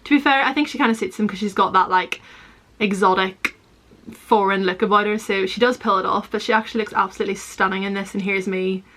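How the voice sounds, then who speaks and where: A woman's voice: medium pitch, fairly even intonation, quick pace, a bit bright. A young woman, chatting casually and self-deprecatingly as she reacts to old TV footage of herself. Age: young adult. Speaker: vlogger.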